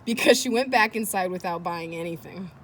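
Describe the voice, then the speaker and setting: Brisk and a bit bright, a woman's lowish voice carries a children's chapter book read-aloud over a little hiss or hum. As host, she speaks chattily to young listeners, drawing them in with questions and remarks.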